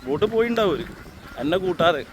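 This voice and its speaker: A man with a Kerala accent narrating a casual, excited outdoor vlog, mixing English slang into his Malayalam and repeating catchphrases. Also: on the high side, fast talker, background noise. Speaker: vlogger. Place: outdoors, in a small boat on water.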